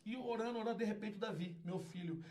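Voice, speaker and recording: As a podcast guest, this Brazilian man, a community founder with a Brazilian Portuguese accent, launches into animated stories full of laughter and loud, energetic character voices. His voice sits high and he talks fast.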